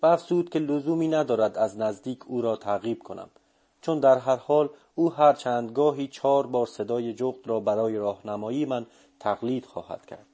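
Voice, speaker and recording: A man narrating a story in a calm, measured reading voice. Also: medium pitch. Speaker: audiobook narrator. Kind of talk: scripted narration.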